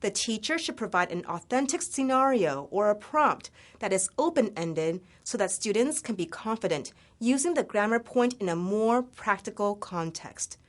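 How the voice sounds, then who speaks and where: A US-raised woman teaching English runs through a scripted grammar lesson in an upbeat, crisply enunciated way. Her mid-range voice has lively intonation, a moderate pace, and hardly any pauses.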